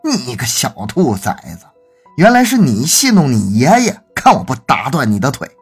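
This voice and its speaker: A man voicing a gruff old country grandfather who scolds and threatens. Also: mid-range voice, sing-song, unhurried, faint music behind. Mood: scolding.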